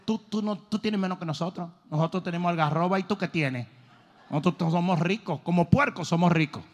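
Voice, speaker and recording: Smug taunting pigs, as a preacher puts them on. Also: male voice, high-pitched, brisk, pitched below the performer's own voice, close to an everyday voice. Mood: mocking. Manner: taunting, boastful. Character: mocking smug pigs in a pigsty.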